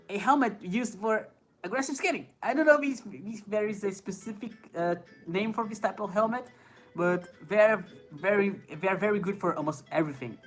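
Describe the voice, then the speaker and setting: A man whose voice sits high and sounds fairly bright hosts an inline skating live stream, reading chat questions aloud with a French accent. He is a native French speaker from France who hesitates with fillers and laughs often, recorded on a phone with faint background music.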